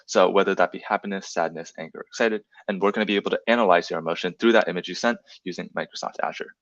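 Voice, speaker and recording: A man's voice: low-pitched, fast, fairly bright tone, dry recording. A young man presenting a program over slides in a casual way, with many fillers and tag questions. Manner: filler-heavy, often adds "right?". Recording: dull, lo-fi dry sound.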